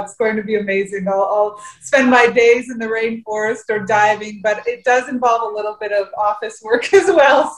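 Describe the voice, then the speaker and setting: A woman from California who runs a tour business, answering interview questions in a chatty way with many ums. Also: mid-range voice. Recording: echoey room.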